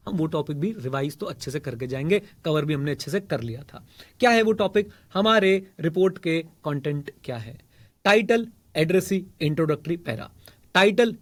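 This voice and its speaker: A man with an Indian English accent teaching an exam revision lecture, firing questions at students and slowing down to dictate definitions. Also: high voice. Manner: quizzes the class, slows sharply to dictate definitions.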